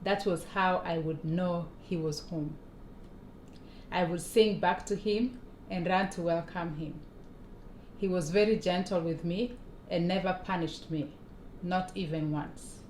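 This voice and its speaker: A Ugandan woman in her forties reading her own memoir aloud, measured and deliberate, with small pauses and restarts. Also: lowish voice, fairly even intonation, a little mellow. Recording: echoey room with faint ambient noise.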